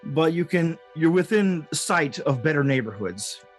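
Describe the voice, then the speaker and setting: A man improvising narration as game master, halting and jokey as he describes the scene. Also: fairly high pitch, animated, faint music behind. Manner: halting, jokey, often chuckling.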